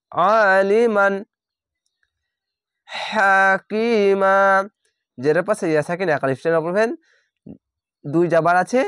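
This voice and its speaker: A man teaching Quran reading, spelling each letter and vowel mark slowly before reciting the word drawn out. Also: on the high side, dry recording, clean studio sound.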